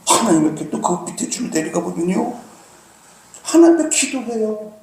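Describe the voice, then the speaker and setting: A man preaching a sermon as pastor, earnest, with dramatic pauses and slow emphasis. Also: high-pitched, very animated, a little mellow. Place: church sanctuary. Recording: very echoey church hall, faint noise.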